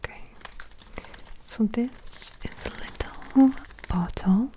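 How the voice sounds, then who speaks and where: A woman whispering softly and breathily in a slow, gentle, chatty ASMR style, with crinkling packaging behind her. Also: fairly high pitch, poor audio. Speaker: ASMR video host. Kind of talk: soft-spoken whispered ASMR. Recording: close mic with crinkling plastic packaging. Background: crinkling packaging sounds.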